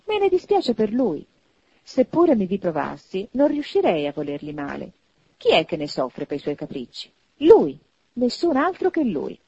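A woman voicing a cheerful, hearty young man in a storybook reading, loud and animated. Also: mid-range voice, normal speed, breathy edge, no room sound, highs cut off, heavily acted. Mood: warm, lively. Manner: loud exuberant laughter, animated.

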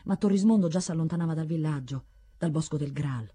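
A woman narrating an audiobook story in a measured, dramatic way. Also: deep voice.

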